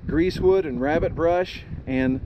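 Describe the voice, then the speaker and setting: A man's voice: fairly high pitch, measured pace. A man talking casually in a vlog, rambling and folksy with many ums and uhs, outdoors on dry, windy land. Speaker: homesteader vlogger. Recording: slightly dull, faint outdoor noise.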